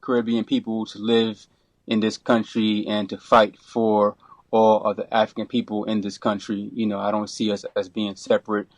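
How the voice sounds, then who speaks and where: A man's voice: fairly low pitch, normal speed, no room sound. Brooklyn guy rambling easy, lots of you know, dry close mic. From Brooklyn, New York. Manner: relaxed, rambling, many restarts and you-knows. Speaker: podcast guest, filmmaker and DJ. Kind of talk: casual interview.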